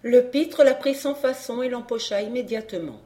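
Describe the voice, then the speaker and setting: A woman's voice: on the high side, dark tone. Woman narrating a detective novel. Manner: measured storytelling. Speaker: audiobook reader.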